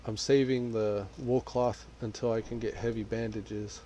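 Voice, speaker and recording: A man's voice: on the low side, moderate pace, a little hiss or hum. A man from Texas, casually commenting on his game and reading chat aloud while he plays. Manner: relaxed, reads chat aloud while playing. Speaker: gaming streamer. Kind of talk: casual live-stream commentary.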